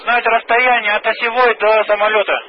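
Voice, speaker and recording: A man as an airfield service operator, answering briskly over radio. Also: high-pitched, flat delivery. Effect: radio transmission. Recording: phone-like radio band, faint noise.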